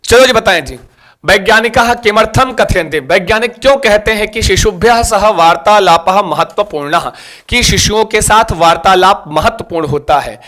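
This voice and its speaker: A man's voice: high-pitched, normal speed, pushed and bright. A man teaching a live online exam-prep class, quizzing students and coaxing them over and over to like and share. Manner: repetitive, coaxing.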